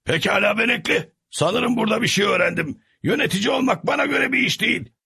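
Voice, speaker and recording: A man doing a high, fretful squire. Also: animated, fairly quick, vocal fry, pushed and bright, breathy edge, full character voice. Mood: resolved. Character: nervous, fussy middle-aged male squire. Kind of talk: storybook character voice.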